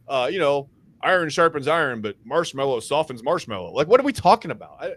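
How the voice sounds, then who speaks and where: A man's voice: a little high, sing-song, fast, fairly bright tone. A man co-hosting a casual sports podcast, who talks emphatically and repeats words when he gets worked up. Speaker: co-host.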